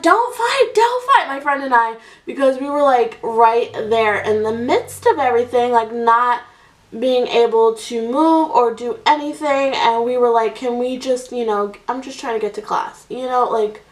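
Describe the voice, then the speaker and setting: While doing her makeup, a beauty vlogger in her twenties rambles chattily about her life, saying "like" and "um" constantly. Her voice sits a little high and sounds a bit distant, recorded from a few feet away in an echoey room.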